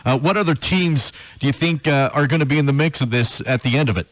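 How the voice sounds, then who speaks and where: A man's voice: mid-range voice, quick pace, no room sound, low-quality recording. An American man hosting a sports radio interview, setting up questions for his guest.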